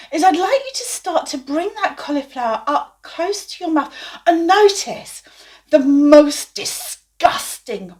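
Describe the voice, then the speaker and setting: A woman's voice: high voice, a bit bright. A woman teaching hypnotherapy, explaining and then demonstrating dramatic aversive suggestions in a hypnotic voice.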